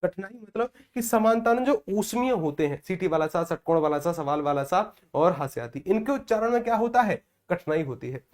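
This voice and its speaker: A man's voice: high voice, animated, moderate pace, hardly any pauses, darkish tone. A man teaching a language lesson, going through mock test answers and checking in with his listeners again and again. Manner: repetitive, checks in with listeners often.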